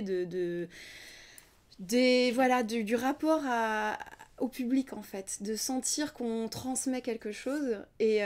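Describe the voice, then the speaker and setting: A young woman with a medium-pitched, slightly mellow voice speaks thoughtfully in a casual interview. She's a singer and singing teacher of Ukrainian family background who grew up in France, and she hesitates often, uses many fillers, and sometimes sinks to a near-whisper.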